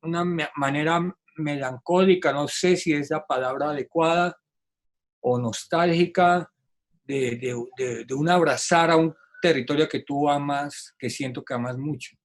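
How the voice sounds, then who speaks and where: Hesitant man asking a long question. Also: fairly high pitch. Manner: halting, many fillers and repeated words. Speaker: host. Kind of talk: online talk interview.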